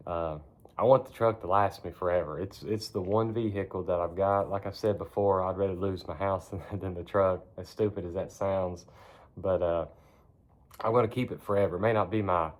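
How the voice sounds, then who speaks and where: A man chatting casually to his phone in a barn, rambling in a laid-back, folksy way with casual cursing. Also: sits low. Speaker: vlogger. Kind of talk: casual rambling chat to camera.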